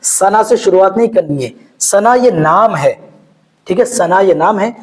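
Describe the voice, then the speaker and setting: A man with a noticeably high voice teaches prayer one step at a time. He talks patiently and repeats key points, checking often that the listener is following. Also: animated, measured pace, low-quality recording. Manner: patient, repetitive, often checks understanding with "okay". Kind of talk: step-by-step instructional demonstration.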